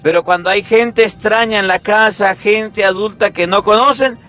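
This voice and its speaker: A man with a high voice preaching a Sunday sermon, lively and emphatic, throwing rhetorical questions at his listeners. Faint music plays behind him. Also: moderate pace. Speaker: priest.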